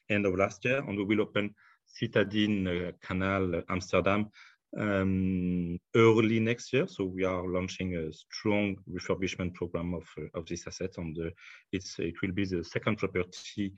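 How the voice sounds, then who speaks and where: A man's voice: low voice, dry recording, dull audio. A man with a French accent answering in a business interview, hesitant, with many fillers and restarts. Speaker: hospitality executive.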